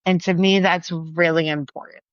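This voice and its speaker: A woman teacher and guest telling a lively story in casual chat, acting out what people said and leaning on "like". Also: fairly low pitch, moderate pace, dry recording. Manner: animated, acts out quotes with "like" fillers. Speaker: teacher and children's author, podcast guest. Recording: dry, slightly dull podcast audio.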